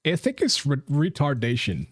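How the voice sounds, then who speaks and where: A man's voice: on the high side, wildly swooping pitch, moderate pace, husky. Profane ranting man, podcast co-host. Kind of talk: casual live podcast chat.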